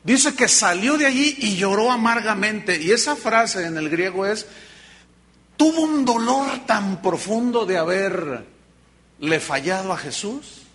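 A man preaching a sermon, retelling a Bible story in a lively storytelling way. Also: sits high, slow.

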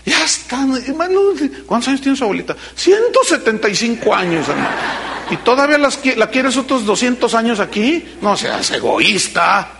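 Pastor guy preaching, pretty high voice, lively, acts out what people say then goes real quiet. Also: brisk, gravelly, a little hiss or hum. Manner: animated preaching with quoted voices and sudden soft drops. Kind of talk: sermon.

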